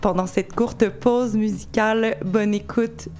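A woman's voice: mid-range voice, steady tone, unhurried, darkish tone. A woman hosting a live radio show from a studio, talking casually with many hesitations. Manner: hesitant, many "euh" fillers, laughs easily. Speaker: radio host. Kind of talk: live campus radio chat.

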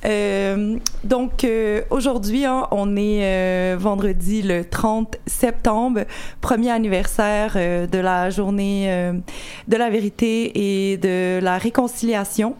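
A woman hosts a live radio arts show from the studio. She talks casually and loosely, filling her pauses with hesitations. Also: medium pitch, fairly even intonation, a little mellow, clear, resonant tone. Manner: hesitant, many "euh" fillers, laughs easily. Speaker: radio host. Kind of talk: live campus radio chat.

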